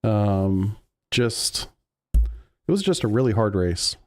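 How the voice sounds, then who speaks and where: A man's voice: lowish voice, very animated, takes it slowly, a little mellow, no echo, faint music behind. A man streaming a sim racing game, chatting casually with his chat while he drives. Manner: laid-back, rambling, answers chat.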